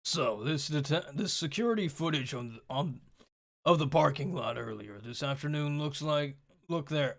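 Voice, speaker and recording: A man reading a blunt, skeptical game detective in his own everyday voice, with a creaky edge. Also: on the high side, a little slow. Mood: questioning. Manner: read plainly in the performer's own voice.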